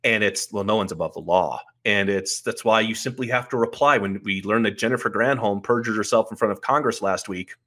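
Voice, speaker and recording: Male podcast guest, sharp and bright timbre, numbers off his points with sardonic bite. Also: on the low side, steady tone, brisk, few pauses. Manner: argumentative, lays out points one by one, sardonic. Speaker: podcast guest, political commentator. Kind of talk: casual podcast conversation.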